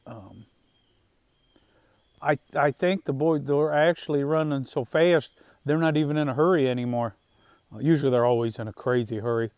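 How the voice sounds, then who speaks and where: A man talking casually to his viewers about the harvest and farm life, in an unhurried, halting way with plenty of fillers and restarts. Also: mid-range voice, darkish tone, clear, resonant tone, dry recording. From Northwest Indiana, USA. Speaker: farm vlogger. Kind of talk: casual rambling monologue.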